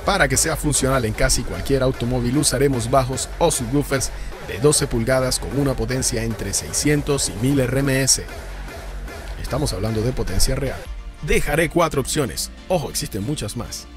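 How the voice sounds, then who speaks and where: For a car audio channel, a man reads out subwoofer specifications and prices from a script. His voice is medium-pitched and his pace moderate, his tone even and explanatory, with music in the background.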